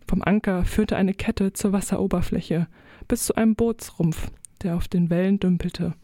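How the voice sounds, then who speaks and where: A woman reading a children's story aloud in a mellow, warm voice, gentle and expressive. She tells it in the first person as a little fish. The recording is close and dry, with no room sound. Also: fairly low pitch, moderate pace, no room sound. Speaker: narrator. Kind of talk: audiobook narration of a children's story.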